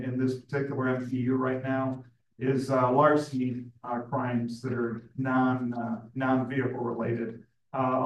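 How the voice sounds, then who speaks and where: Halting police lieutenant, far off in a roomy space. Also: male voice, mid-range voice. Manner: halting, many fillers. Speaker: police lieutenant giving a crime report. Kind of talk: public meeting report. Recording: roomy, distant from the mic.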